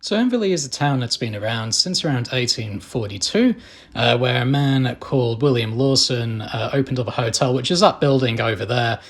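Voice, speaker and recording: A man's voice: medium pitch, moderate pace. A man narrating a camping vlog in a chatty, informal storytelling way. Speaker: camping vlogger. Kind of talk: casual travel vlog narration.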